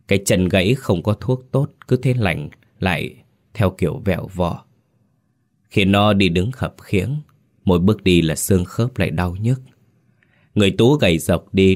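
A man tells a ghost story in a grave, dramatic manner. His voice sits very low and deep throughout the narration.

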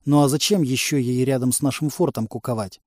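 A man's voice: mid-range voice, fairly quick, darkish tone, no room sound. A man narrating a first-person audiobook with a dry, wry storytelling tone.

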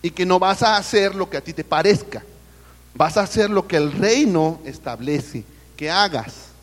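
High-voiced Mexican preacher in a reverberant hall. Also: male voice, expressive, moderate pace. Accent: Mexican Spanish. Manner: addresses listeners as brother, asks the congregation questions. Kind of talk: sermon. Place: church service.

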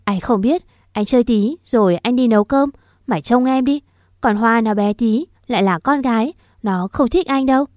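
A woman's voice: on the high side, moderate pace, a little mellow, no room sound, clean studio sound, lightly acted. A woman voicing a sulky, quarrelsome teenage village boy. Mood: bossy. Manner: quarrelsome, then tearful.

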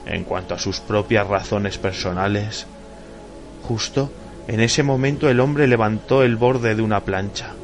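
A man reading a horror story aloud in a measured, suspenseful way as an audiobook narrator. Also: on the low side, music in the background.

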